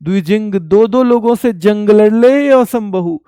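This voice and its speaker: A male teacher giving an exam-prep lecture, telling a lively story with rural dialect words and repeating key terms to drill them. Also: sits high, measured pace, clean tone, dry recording.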